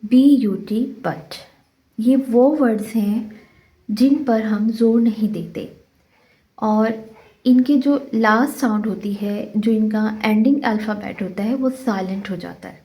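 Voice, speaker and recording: A woman teacher with a Pakistani accent works through a textbook lesson at an unhurried pace. Her voice is mellow and fairly high. She reads the example phrases slowly and then explains them patiently and at length. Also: low-quality recording.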